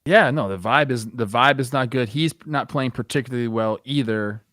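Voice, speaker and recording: A man's voice: mid-range voice, moderate pace, a bit bright, dry recording, clean studio sound. A man co-hosting a sports talk show, discussing the game in an informal, conversational way. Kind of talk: casual baseball discussion.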